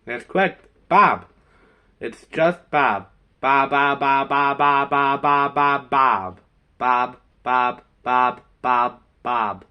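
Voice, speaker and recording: A man's voice: mid-range voice, extremely slow, clean tone, muffled recording, pitched below the performer's own voice. A man voicing a silly character who keeps chanting and spelling his own name. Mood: playful. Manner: singsong repetitive.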